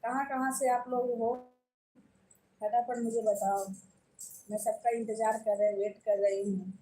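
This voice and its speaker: A woman's voice: fairly high pitch, level tone, a little slow, dark tone. A woman with an Awadhi accent hosting a live stream in a homely, chatty way, repeatedly urging viewers to join. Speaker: live-stream host and folk singer. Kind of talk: casual live-stream chat. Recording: distant mic with faint background noise.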